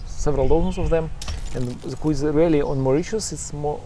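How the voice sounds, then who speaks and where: A man's voice: fairly high pitch, fairly quick, warm tone, a little hiss or hum. A man conducting a casual business interview, speaking in choppy, non-native English phrasing.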